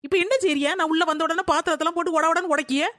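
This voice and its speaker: A woman's voice: very high-pitched, fairly even intonation, racing, fairly bright tone, no room sound, studio quality. Woman playing an indignant young daughter-in-law. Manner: indignant, arguing back.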